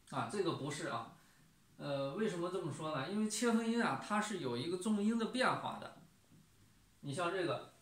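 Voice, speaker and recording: A man teaching a casual online music lesson, explaining sight-singing slowly and patiently. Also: fairly high pitch, a bit bright. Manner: sings solfège syllables, then explains slowly and patiently. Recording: roomy, distant from the mic.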